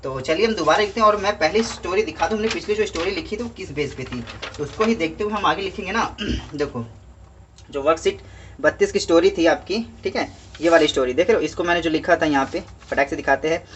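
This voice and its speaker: A male teacher with a scratchy throat walks through a worksheet in casual chat, reading English lines slowly and saying "okay" again and again. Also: fairly high pitch, fairly bright tone, muffled recording. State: scratchy throat, heavy-headed. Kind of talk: casual Hindi worksheet walkthrough.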